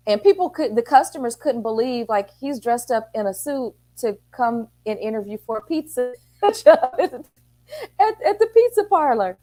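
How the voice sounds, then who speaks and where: Earnest middle-aged woman telling a story. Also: a little high. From Texas. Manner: earnest, storytelling, acting out quoted exchanges. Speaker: city council member and parent guest. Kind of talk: talk show conversation.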